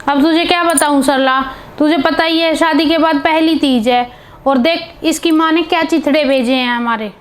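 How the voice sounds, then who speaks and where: A woman's voice: high voice, steady tone, moderate pace, lightly acted. A woman voicing a greedy, scornful middle-aged mother-in-law who scolds and insults her daughter-in-law. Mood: complaining. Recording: piano music behind.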